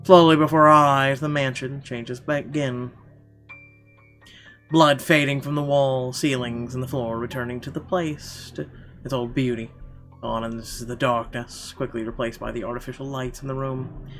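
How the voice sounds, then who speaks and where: A man's fairly bright, medium-pitched voice reads a visual novel's narration aloud during a playthrough, expressive and dramatic, with casual swearing mixed in. His pitch barely moves and his pace is moderate, and game music sits behind the voice.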